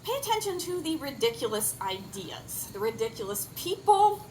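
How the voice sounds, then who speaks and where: A woman officiant giving a wedding speech with deliberate, emphatic phrasing and light humour. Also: on the high side, big pitch swings, a little mellow, rough recording. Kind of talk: wedding ceremony speech with advice. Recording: clear insect and outdoor background noise.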